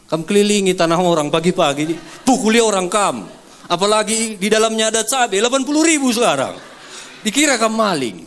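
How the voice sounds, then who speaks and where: A male pastor preaching a sermon, animated and acting out scenes. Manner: animated, acting out scenes with big pitch swings.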